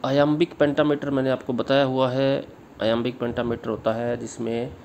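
Indian male tutor, mid-pitched voice, slow bilingual explanation, faint hiss behind. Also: level tone, gravelly, a little mellow. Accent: Indian English. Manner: reads English lines slowly, then explains them in Hindi. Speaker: literature teacher. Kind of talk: exam-prep lecture.

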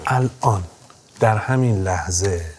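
A man's voice: fairly low pitch, slight background noise, close to an everyday voice. An actor playing a stern male judge in a courtroom TV drama, firm and lecturing, repeating his orders.

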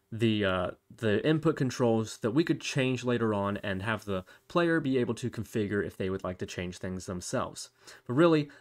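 Speaking at a medium pitch, a man guides viewers through a tutorial, describing each on-screen step and thinking aloud along the way. Computer keyboard typing and mouse clicks can be heard clearly in the background.

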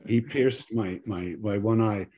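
This middle-aged Irish man, a documentary director, talks over a video call webcam from a bookshelf-filled home room, and the recording sounds muffled. His low, dark voice moves at a measured pace. Reflective in his answers, he repeats words while searching for them.

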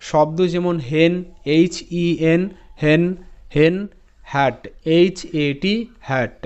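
A man teaching English phonics, spelling each word letter by letter and repeating it slowly, and checking in with his students. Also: fairly high pitch, darkish tone, smooth, dull audio. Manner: addresses students directly with "ঠিক আছে?". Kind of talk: phonics lesson.

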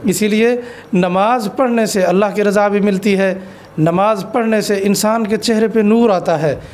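A man's voice: high voice, a little slow, a little mellow. A man who is an Islamic cleric, answering an interview question with an earnest, exhortative sermon and stories.

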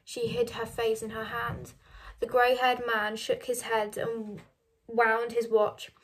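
A woman reading a novel aloud, measured and dropping soft on narration. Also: a little high, completely flat delivery, a little hiss or hum. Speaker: reader of a novel.

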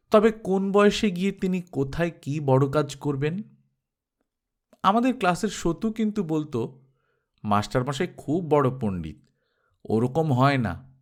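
A man reading a literary short story aloud in an expressive manner, acting out the characters. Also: fairly high pitch.

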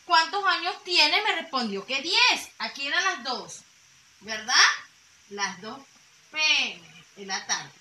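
A woman with a high, very bright and sharp voice teaches a lesson to small children. She speaks patiently and goes back over each point. The recording sounds echoey, with a faint hiss behind her. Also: lively intonation, slow. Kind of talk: classroom lesson for young children. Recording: echoey room with faint noise.

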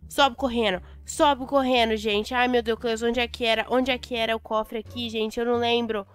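A young adult Brazilian woman commentating a Roblox game, chatty and excitable, repeating words in bursts. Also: a little high, normal speed, clear, resonant tone. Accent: Brazilian Portuguese. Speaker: Roblox gameplay host. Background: faint music.

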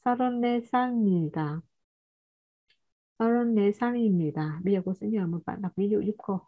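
A woman's voice: mid-range voice, rapid-fire, narrow, tinny audio. A woman teaching a live online class, patiently explaining and correcting pronunciation. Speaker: Korean language teacher.

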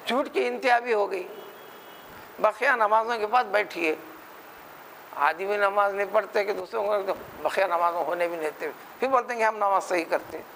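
A man's voice: high-pitched, normal speed, creaky, fairly bright tone, slight background noise, rough recording. A man giving a religious lecture with a Hyderabadi accent, teaching in an emphatic, rhetorical way and often mimicking other people's words. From India. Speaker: Quran scholar.

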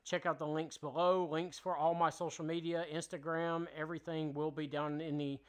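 A man's voice: fairly high pitch, little pitch movement, normal speed, smooth. Plainspoken man explaining a shop jig. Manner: plainspoken, explains step by step with fillers. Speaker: woodworking channel host. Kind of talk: casual how-to tutorial. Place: home woodworking shop, indoors.

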